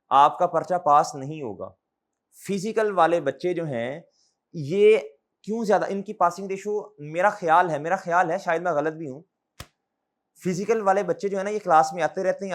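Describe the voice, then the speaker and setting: A male accounting lecturer with a Pakistani Urdu accent addresses his class in a fatherly, scolding manner, firing questions back so the students answer in chorus. His voice is high and fairly bright.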